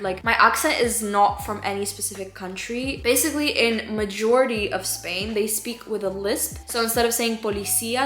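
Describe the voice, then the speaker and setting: A young woman vlogging casually to camera about learning languages, chatty and animated, full of "like" fillers. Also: medium pitch. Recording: echoey room.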